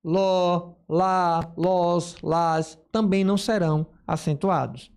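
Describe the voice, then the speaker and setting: A man's voice: high voice, fairly even intonation, takes it slowly, a little mellow, clear, resonant tone. A male teacher giving a grammar lesson, explaining step by step and voicing imagined student questions.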